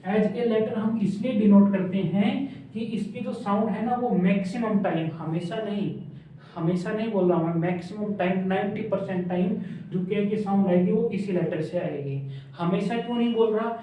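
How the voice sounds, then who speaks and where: Hindi-speaking shorthand teacher, echoey room. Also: male voice, high voice, normal speed, mellow, a little hiss or hum. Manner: repeats drills and asks the class questions. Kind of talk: classroom lesson at a board. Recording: echoey room, distant phone-like mic.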